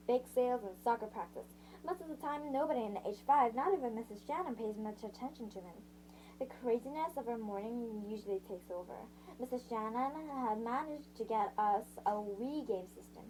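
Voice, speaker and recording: On poor audio with slight background noise, a woman with a somewhat high, slightly mellow voice reads a first-person novel aloud. Her amateur delivery is halting, with repeated restarts, self-corrections and pauses to paraphrase parts of the story.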